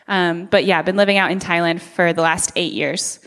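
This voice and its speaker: A woman's voice: fairly low pitch, steady tone, brisk, a bit bright. A woman from the United States in her thirties gives a friendly, earnest talk to a church congregation, with many filler uhs. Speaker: nonprofit speaker at a church. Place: church hall. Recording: long hall reverb.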